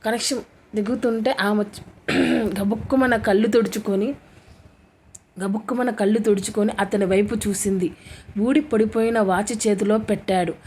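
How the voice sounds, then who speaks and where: A woman's voice: fairly high pitch, darkish tone. A woman telling a romance story as scripted narration, reading every character's lines in her own voice with little change.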